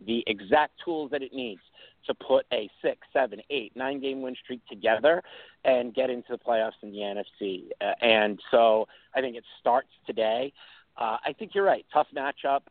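A man from New York hosts a sports talk show, rambling through his picks with plenty of "uh"s and restarts. His voice is mid-pitched and comes over a dry, tinny, phone-like line. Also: normal speed, no echo. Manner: rambling with many fillers and restarts. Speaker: sports radio host.

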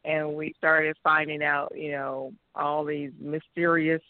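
A woman's voice: low voice, level tone, slow, no echo. A woman talking casually as a panelist on a talk show. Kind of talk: casual chat. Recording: dry, phone-like narrow audio.

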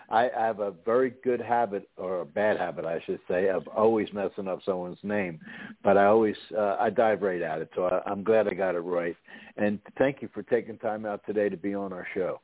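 A man's voice: lowish voice, moderate pace, dry recording. A middle-aged man from Philadelphia hosting a radio talk show, chatting casually with many restarts. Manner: friendly, rambling with many restarts. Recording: tinny phone-like radio audio.

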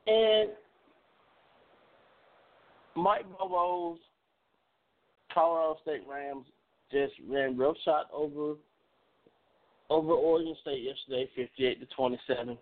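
A man's voice: a little high, moderate pace. Man talking sports over a phone-line sound. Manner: rambling, repeats words, animated. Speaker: sports talk radio host. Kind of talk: casual sports talk show. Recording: phone-like narrow band.

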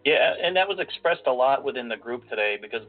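Over phone-quality audio with faint music playing, a podcast co-host talks fast and animatedly. His medium-pitched voice is nasal, and his rambling chatter is self-deprecating.

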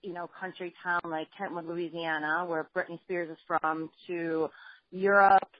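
A woman with a fairly low voice tells her story earnestly over a dull, lo-fi phone line. The sound is close and dry, with no room around it. Her manner is steady and matter-of-fact. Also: unhurried, no echo. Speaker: guest journalist and author. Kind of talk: phone interview, personal story.

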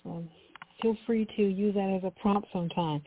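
A woman calling in to a radio show over a phone line, polite and gently hesitant, about to share a poem. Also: medium pitch, moderate pace, a little hiss or hum. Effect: heard over a phone line into a radio show. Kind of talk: call-in chat, reading a poem.

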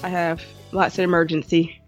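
A woman's voice: lowish voice, flat delivery, normal speed, faint music behind. A woman co-hosting a podcast in casual chat, sounding nasal from a head cold. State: has a cold. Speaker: podcast co-host.

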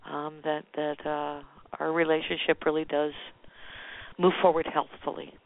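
A woman's voice: low voice, little pitch movement, a little slow, no echo. A woman caller heard over a phone line, speaking hesitantly with many fillers. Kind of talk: call-in chat. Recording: tinny dry phone line.

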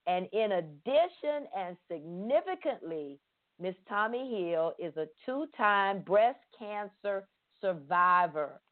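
Speaking slowly at a medium pitch with big swings, this middle-aged woman from Pensacola, Florida hosts a faith-based podcast interview. She's earnest and eager, repeating words to stress them, over a tinny, phone-like recording.

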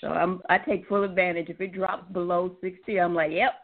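Hoarse woman with a froggy, creaky voice. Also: fairly low pitch, little pitch movement, brisk. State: hoarse, losing voice. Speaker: co-host. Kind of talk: casual chat. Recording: tinny phone-line internet radio.

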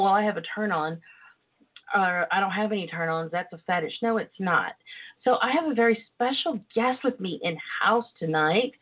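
Tinny phone-like sound, woman host, Southern US accent, sassy and flirty, casual chat. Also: on the high side. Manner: sassy, flirtatious, uses terms of endearment. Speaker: podcast host. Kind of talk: casual talk show chat. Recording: tinny phone-line internet radio sound.

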